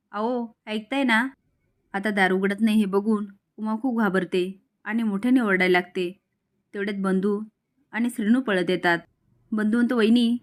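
Woman recapping a serial, even storyteller's delivery, mid-pitched. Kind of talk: reading out a serial recap, quoting each character.

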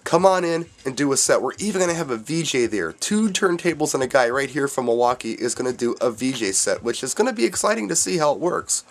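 A man's voice: medium pitch, big pitch swings, fast, few pauses. A man, a DJ hosting his own video channel, announcing upcoming events to his viewers in an upbeat way while reading dates and addresses from notes. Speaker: DJ and YouTube host announcing events.

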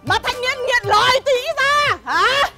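Shrill ranting village mother. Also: expressive, measured pace, over music. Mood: indignant. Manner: shrill, ranting, rhythmic cursing. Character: loud, hot-tempered village mother ranting at thieves. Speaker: village woman cursing a thief. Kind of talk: comedy sketch acting.

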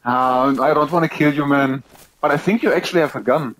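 A man's voice: mid-range voice, brisk, a bit bright, rough recording. A German man speaking English with a German accent, chatting casually and a little hesitantly while playing an online game, in a joking manner.

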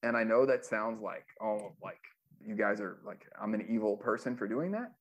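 With a lowish, expressive voice at a normal pace, this former music manager loosely recounts stories in an easygoing interview. He swears freely, uses plenty of fillers, and acts out what people said.

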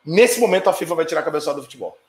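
A man's voice: a little high, animated. A middle-aged man with a Brazilian Portuguese accent hosting a live stream, reading viewer comments and answering them in a profane, heated, ranting way. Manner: profane, fiery, quick to anger and rant. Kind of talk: casual heated live chat. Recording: echoey room.

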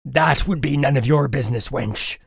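Man doing a gruff, muttering old caveman. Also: mid-range voice, moderate pace, no echo, studio quality. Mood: scornful. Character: hairy, limping old caveman, menacing and muttering.

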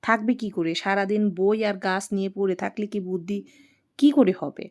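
A woman's voice: medium pitch, fairly even intonation, normal speed, a little mellow, close to an everyday voice. A woman voicing a scolding old grandmother who talks in a rustic way.

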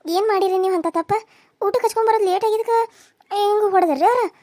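A woman's voice: very high-pitched, fast talker, mellow, voice pushed up. A woman with a North Karnataka accent voicing a distressed young village wife in a cartoon serial, fretting aloud to herself. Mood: pleading. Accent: North Karnataka Kannada. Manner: worried, talking to herself.

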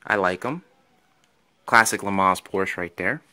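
A man shows off his toy car finds in a casual show-and-tell vlog, rambling enthusiastically with plenty of ums and restarts. His voice is deep and sharp in tone, and he takes his time.

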